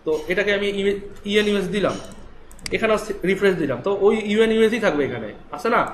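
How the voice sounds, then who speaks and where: Fast-talking Bangladeshi Bengali man teaching. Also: sits high, expressive. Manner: rapid, explanatory, asks students checking questions. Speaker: web development instructor. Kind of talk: live classroom coding lesson. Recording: echoey room with faint ambience.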